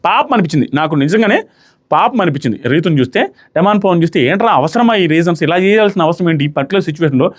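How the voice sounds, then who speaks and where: Young male reviewer, rapid animated recap voice, slightly high. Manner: fast animated retelling, acting out quotes. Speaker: reality show reviewer. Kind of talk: casual commentary.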